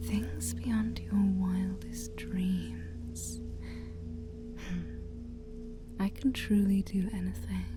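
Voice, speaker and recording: A woman whispers most of this ASMR roleplay straight to the listener, playing a dark forest's shy, scheming demon princess. Her mid-range voice is soft and breathy, her speech formal and coaxing, broken up by playful asides.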